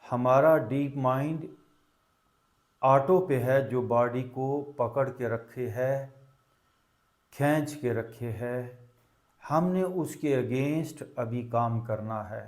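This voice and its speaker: Short, calming phrases come from a man with a medium-range voice as he leads a meditation session. He talks very slowly and with deliberation, pausing at length after each instruction the way a teacher gives students time.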